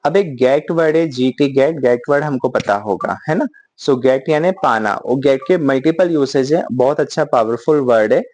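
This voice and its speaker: Dry-voiced Hindi teacher explaining vocabulary. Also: male voice, mid-range voice, darkish tone, no room sound. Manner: explains slowly, often asks "ठीक है?", fillers; reads English example sentences very slowly. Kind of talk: spoken Hindi lesson mixing English.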